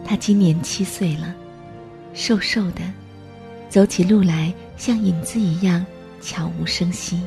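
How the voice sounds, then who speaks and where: A woman narrating a storybook in a gentle, even-paced reading voice. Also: on the low side, unhurried, creaky. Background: faint music.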